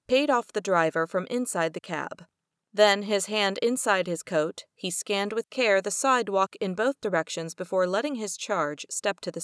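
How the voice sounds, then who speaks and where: A woman narrating a crime story as an audiobook reader, in a steady storytelling manner. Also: medium pitch, smooth, no room sound, clean studio sound.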